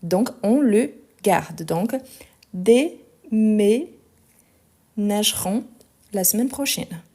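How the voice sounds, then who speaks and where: A woman's voice: mid-range voice, expressive, slow pace, mellow, breathy edge. A woman teaching French grammar in a live online lesson recorded on her phone, spelling out letters and patiently thanking viewers.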